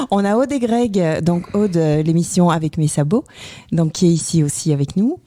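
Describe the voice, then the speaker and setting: A man's voice: sits high, moderate pace. A man on a casual radio chat, laughing easily and introducing the people behind the station. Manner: lively, laughs easily, lists names.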